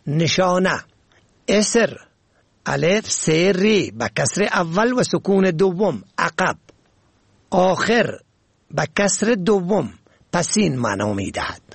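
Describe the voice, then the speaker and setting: Man, slightly high voice, husky, spells words out slowly for a scripted radio lesson. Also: no echo. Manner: slow and careful, spelling words letter by letter. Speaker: radio presenter.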